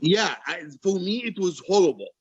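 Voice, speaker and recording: At an animated, candid book-reading discussion, a man who is an author and poet responds to audience questions, speaking passionately and emphatically about his writing and often repeating himself for stress. His high voice has lively intonation, a breathy edge, and normal speed. The recording is dry, with the highs cut off.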